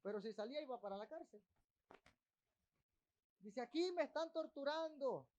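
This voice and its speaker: A man's voice: extremely high pitch, lively intonation, moderate pace, a little mellow, dull audio. A man preaching a sermon as pastor of a church, breaking off with asides to the congregation. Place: church in Texas.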